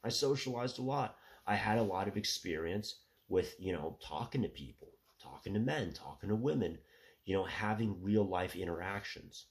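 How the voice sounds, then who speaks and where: A man in his thirties gives a rambling, casual solo monologue as a commentator, his nose stuffy. His voice is low but lively in intonation, and he fills every pause with "you know" and "right".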